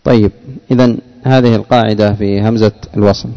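A man's voice: fairly low pitch, fairly even intonation, a little fast, warm tone. A man teaching grammar in a classroom, explaining rules and quizzing students by name. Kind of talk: classroom lesson with questions to students.

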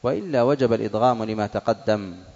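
A man teaching the rules of Quran recitation to a class. He stretches out example words slowly, repeats them, and quizzes his students. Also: lowish voice, vocal fry, darkish tone. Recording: dull audio in a reverberant hall.

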